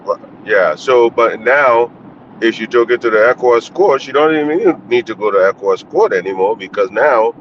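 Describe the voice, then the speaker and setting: A man's voice: medium pitch, moderate pace. A man calling in on a car speakerphone while driving, giving blunt, candid commentary in a casual call-in style. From Liberia. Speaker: caller commenting on the news. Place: inside a moving car. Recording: muffled lo-fi phone line with faint road noise.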